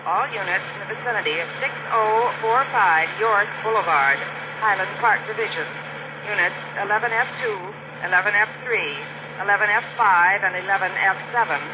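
An actor playing a male police radio dispatcher who makes measured, official announcements over a radio. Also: high-pitched, natural voice. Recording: muffled lo-fi radio with loud hiss.

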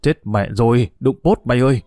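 A man's voice: medium pitch, fairly quick, warm tone, no echo, clean studio sound, natural voice. A man reading an audiobook voices an older village uncle who gives short, commanding orders. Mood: tense. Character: older village uncle, terse boat leader.

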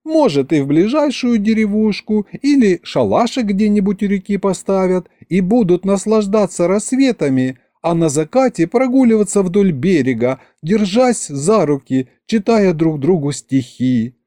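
Male reader doing a high, swooping, excitable young vampire girl, dreamy storybook figure. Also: no echo, clean studio sound. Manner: sighing, drawn-out, breathless gushing. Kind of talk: audiobook character reading.

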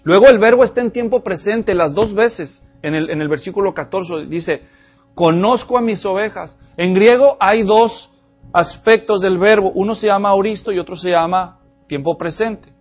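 A man preaching an expository sermon, addressing the congregation directly with animated energy. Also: high voice, normal speed, highs cut off, faint music behind. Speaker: pastor.

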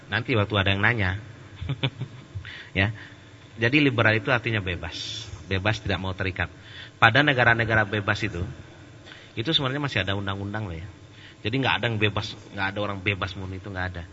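Male preacher, very bright tone, chatty and jokey, gets loud and animated, long echo, kinda muffled. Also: on the low side, fast talker, a little hiss or hum. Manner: conversational, joking, grows loud and animated. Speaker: Islamic preacher. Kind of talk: religious study lecture. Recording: dull, with a long echo in a hall.

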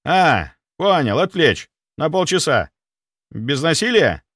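A man's voice: a little high, big pitch swings, slow pace, a bit bright, no echo, clean studio sound, voice pushed up, exaggerated voice. A man voicing an overeager, blindly obedient male security chief who barks his lines in military style. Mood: barking eager. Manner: barking, military, overzealous.

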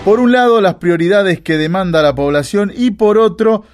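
A radio host introducing a news segment emphatically. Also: male voice, high-pitched, moderate pace, darkish tone, faint music behind.

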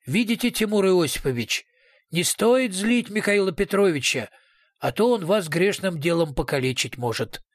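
A sly, brutal police investigator in an audiobook, mock-polite one moment and snarling the next, as a male narrator voices him. The voice sits a little high and sounds close and dry. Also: expressive, measured pace, vocal fry, no room sound, heavily acted. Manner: swings between sugary politeness and snarling.

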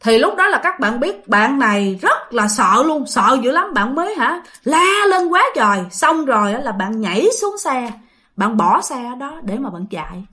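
A woman's voice: high voice, big pitch swings, normal speed, pushed and bright. A woman with a Southern Vietnamese accent telling a ghost story in a chatty way, talking straight to her listeners and repeating phrases. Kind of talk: casual spoken storytelling.

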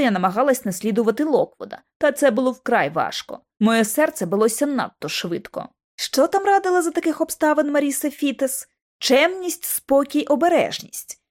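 A woman reads a first-person audiobook with expressive, dramatic delivery. Her voice is high and very lively, rising and falling across each sentence. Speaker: audiobook narrator.

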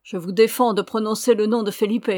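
A woman's voice: mid-range voice, fairly even intonation, fairly quick, a little mellow, dry recording, clean studio sound, close to an everyday voice. A woman reading aloud voices a stern, imperious older guardian who mocks and commands in a raised voice. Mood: scornful. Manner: imperious, mocking.

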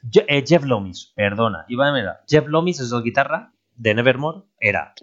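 A man's voice: medium pitch, normal speed, muffled recording. A man from Spain, hosting a casual podcast chat and correcting himself as he talks about bands. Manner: relaxed, conversational, lists band details with self-corrections. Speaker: podcast host.

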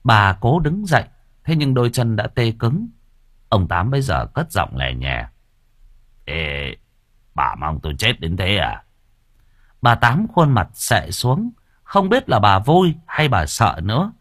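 A man narrating a story in a lively, expressive reading. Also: medium pitch, a little slow, dry recording, studio quality. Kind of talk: audiobook narration.

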